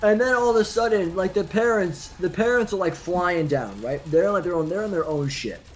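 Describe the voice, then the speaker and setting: A young man in casual chat during a gaming stream, ranting in an animated, worked-up way. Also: high voice, brisk.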